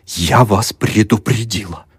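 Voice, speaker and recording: A man's voice: fairly low pitch, a little mellow, slightly rough, no echo, studio quality, voice pushed up, full character voice. A man doing a grumbling old peasant mother. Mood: grim. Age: older. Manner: gloomy, grumbling, slow. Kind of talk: audiobook character voice.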